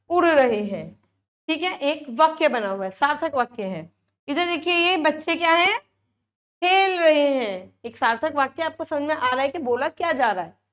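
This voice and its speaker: A woman teacher giving a grammar lesson to young children, repeating each word slowly and checking in often. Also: high-pitched. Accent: Hindi. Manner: frequent checks with "ठीक है".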